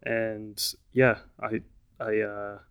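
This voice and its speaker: A man's voice: fairly low pitch, little pitch movement, extremely slow, a bit bright, clean tone, dull audio. An American man from southern Virginia in his twenties, co-hosting a podcast in casual, hesitant chat full of fillers and restarts. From southern Virginia, USA. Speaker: podcast co-host, cinema staff member.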